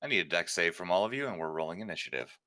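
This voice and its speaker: Low-voiced, animated male game master. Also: very fast, no room sound, clean studio sound. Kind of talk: tabletop game narration and table talk.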